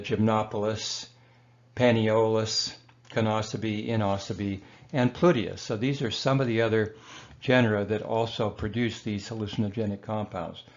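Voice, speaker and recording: A man narrates a slideshow lecture in a loose, easygoing way, often pausing on fillers and correcting himself mid-phrase. His voice sits fairly low, and the recording sounds a little dull and muffled. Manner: relaxed, rambling, with frequent fillers and self-corrections. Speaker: herbalist lecturer.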